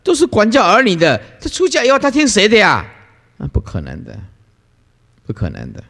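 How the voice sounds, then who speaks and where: A man's voice: fairly quick, gravelly. A male Buddhist dharma master giving a sermon, telling stories and acting out the people he quotes, often with a laugh. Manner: lively storytelling, acts out quoted people with playful pitch jumps and laughter. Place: lecture hall. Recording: long hall reverb.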